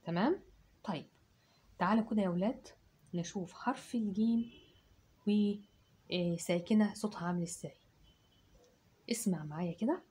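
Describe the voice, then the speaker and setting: A woman's voice: medium pitch, moderate pace, pauses often, warm tone, breathy edge. A woman teacher with an Egyptian accent, giving a spelling and dictation lesson to children, sounding out letters and syllables one by one. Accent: Egyptian Arabic.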